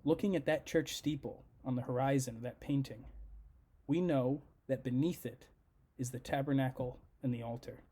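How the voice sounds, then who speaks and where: Earnest man with a soft, mellow voice. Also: medium pitch. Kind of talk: prepared devotional message.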